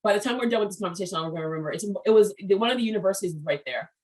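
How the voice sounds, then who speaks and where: A woman hosting a casual business interview, telling stories with lively acted-out quotes. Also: mid-range voice, rapid-fire, rough recording. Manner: animated storyteller, acts out quotes. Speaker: podcast host.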